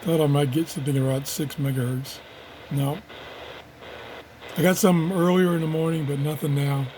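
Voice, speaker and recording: Radio static and tuning noise come through clearly behind a rough recording of a man's steady, darkish voice, on the high side and at a moderate pace. He's a radio reviewer doing a casual, unscripted product demo in his home office, muttering to himself as he works.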